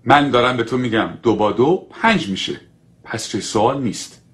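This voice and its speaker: Bossy schoolteacher, man, scolding, man playing it, lively pitch swings. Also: lightly acted. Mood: commanding. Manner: commanding, scolding. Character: harsh authoritarian male schoolteacher. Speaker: teacher.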